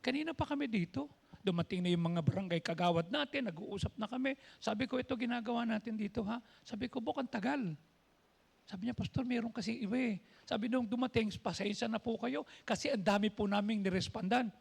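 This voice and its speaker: A man's voice: high voice, fairly quick, vocal fry, husky. A man preaching a sermon as pastor, telling stories and acting out what people said, slipping English phrases into his talk. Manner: storytelling preacher, quoting people in voices. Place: church.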